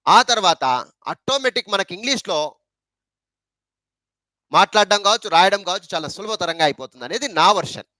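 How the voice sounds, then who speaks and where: A man's voice: high-pitched, expressive, brisk, long pauses, bright, forceful tone, no echo. A man with a Telugu accent teaching an English grammar lesson, repeating points and asking rhetorical questions.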